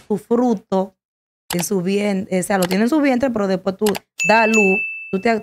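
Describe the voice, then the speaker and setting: Emotional woman giving a halting testimony. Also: medium pitch, a little mellow. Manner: halting, emotional, with many restarts. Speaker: guest sharing a testimony.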